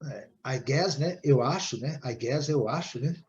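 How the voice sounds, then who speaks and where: A Brazilian Portuguese-speaking man teaching an English class online, explaining at length and ending nearly every phrase with a quick "né?". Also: medium pitch, expressive, darkish tone, lo-fi sound.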